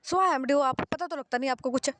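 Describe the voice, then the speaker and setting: A woman's voice: high voice, fast talker, fairly bright tone, a little hiss or hum. A woman voicing a hot-tempered young female employee who scolds her boss, repeating herself in exasperation. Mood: angry scolding.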